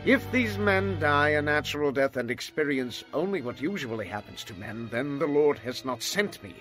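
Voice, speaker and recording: A man's voice: fairly high pitch, expressive, normal speed. An actor playing a stern, commanding male prophet leader in a dramatized scripture reading, with faint music behind. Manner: forceful, pleading at times.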